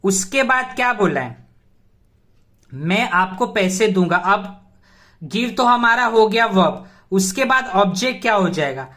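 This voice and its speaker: Woman teacher, mid-pitched, explains grammar slowly with repeated check-in questions. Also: animated, a bit bright. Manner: patient, repetitive, asks checking questions. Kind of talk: explaining a lesson.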